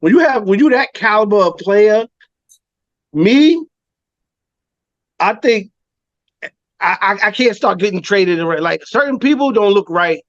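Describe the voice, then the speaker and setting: A man's voice: high voice, animated, measured pace, pauses often, dry recording. A man co-hosting a podcast, trading loose, slangy sports banter and laughing often. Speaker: podcast co-host. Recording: dry, dull lo-fi podcast mic.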